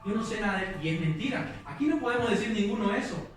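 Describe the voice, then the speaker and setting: A man's voice: sits high, lively intonation, quick pace. A young man preaching a sermon in a church, telling his own testimony in an earnest, emotional way. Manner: earnest, emotional storytelling with quoted prayers. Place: church hall. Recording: distant, very echoey church hall with music.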